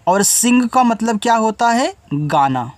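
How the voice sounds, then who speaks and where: Guy teaching english spelling, slow letter by letter, then says the word low and soft, repeats everything twice. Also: very animated, no echo. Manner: patient, repeats each meaning twice. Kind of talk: step-by-step spelling lesson.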